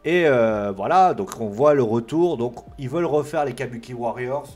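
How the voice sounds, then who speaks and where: A man's voice: medium pitch, moderate pace, darkish tone, soft background music. A man giving a casual, rambling solo review of a wrestling show, full of fillers and restarts.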